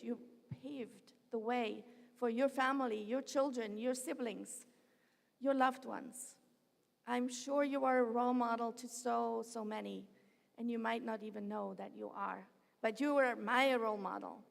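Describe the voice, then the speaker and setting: Gravelly-voiced woman giving a heartfelt commencement speech. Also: a little high, fairly even intonation, a little slow. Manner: heartfelt and personal, drifting off script. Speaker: university president. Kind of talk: commencement address. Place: large commencement venue. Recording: long reverb of a large hall.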